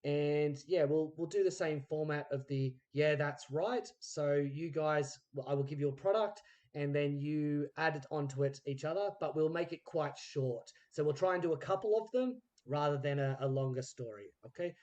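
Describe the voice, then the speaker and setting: Recorded remotely on a phone with dull-sounding audio, a podcast host and interviewer shares anecdotes in relaxed chat. His slightly high, darkish voice moves at a normal pace as he animatedly acts out what people said.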